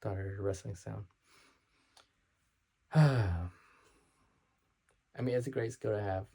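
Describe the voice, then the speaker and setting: Man, vlogger, unscripted talk to camera. Husky, dark voice, slurred words, hesitant and self-conscious. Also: on the low side, slow. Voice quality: slurs his words.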